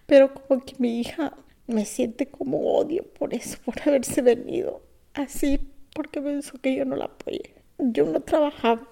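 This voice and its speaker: Gravelly Salvadoran woman in her fifties. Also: high voice, fairly even intonation. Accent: Salvadoran Spanish. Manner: halting and soft, drops to whispers. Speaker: immigrant English learner. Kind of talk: personal testimony.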